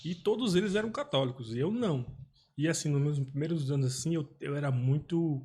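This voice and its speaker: Host guy, talks fast and slangy, bit husky, kinda high voice. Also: expressive, darkish tone. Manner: slangy, quick conversational talk. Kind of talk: casual interview chat.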